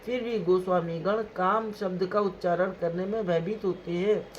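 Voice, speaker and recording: A man narrating a devotional story in measured tones, reciting scripture verses in a chanting lilt, on a dull lo-fi recording. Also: high voice, fairly even intonation. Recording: dull lo-fi recording, faint hiss.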